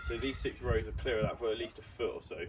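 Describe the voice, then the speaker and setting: Filming on his phone outdoors, a man walks through a garden build step by step in a chatty, casual update for his DIY vlog. His stuffy, congested mid-range voice stays fairly even as he talks fast over a noisy background.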